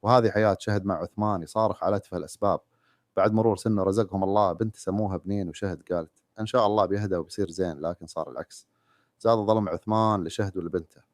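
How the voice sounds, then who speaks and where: A man narrating a sad story in a rapid, even reading. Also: sits low, no room sound, clean studio sound.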